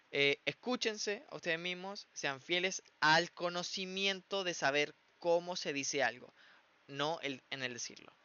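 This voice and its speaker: Young male teaching assistant, chatty and encouraging, forceful crisp delivery, muffled lo-fi audio. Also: a little high. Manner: chatty and encouraging, mixes English terms into Spanish. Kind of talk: casual online tutoring session. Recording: muffled lo-fi recording.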